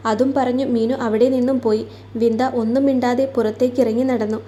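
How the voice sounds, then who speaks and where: A woman storyteller reading a romance in an even, unhurried way. Her voice sits a touch high and mellow, and it barely rises or falls. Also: a little hiss or hum. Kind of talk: scripted story narration.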